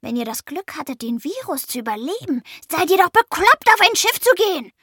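A woman's voice: very high-pitched, very animated, fairly quick, fairly bright tone, no echo, clean studio sound, voice pushed up, full character voice. A woman voicing a small, grumpy, boastful male goblin who curses and brags in a storybook reading. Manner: cursing, bragging, grumbling.

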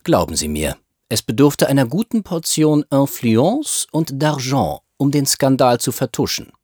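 A man's voice: medium pitch, animated, measured pace, darkish tone, breathy edge, no room sound, studio quality. A man voicing a snobbish, self-absorbed upper-class mother who chatters in a gushing, fussy way. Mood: boastful.

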